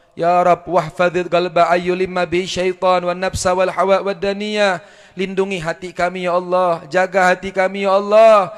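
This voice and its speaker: A high-pitched man preaches with fervent, rhetorical repetition, and his prayers swell into a chant. He speaks through a PA microphone, and a long reverb trails his voice around the hall. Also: smooth. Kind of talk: sermon and prayer. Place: Islamic religious gathering hall.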